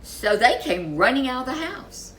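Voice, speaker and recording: Here a high-voiced woman narrates a children's storybook, performing it expressively and deliberately with dramatic stress on words. The audio is poor, carrying a slight hiss or hum.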